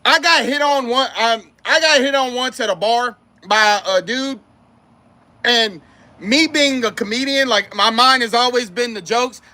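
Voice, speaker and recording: High, bright-voiced joking man host. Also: measured pace. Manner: loose, joking, swears freely. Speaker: livestream host and comedian. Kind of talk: casual chat.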